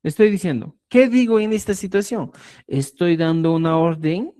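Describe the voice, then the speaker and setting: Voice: medium pitch, normal speed, warm tone. A language teacher giving an online lesson, explaining with everyday examples and checking often that the class is following. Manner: keeps checking understanding with "¿ya?". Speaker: Quechua teacher.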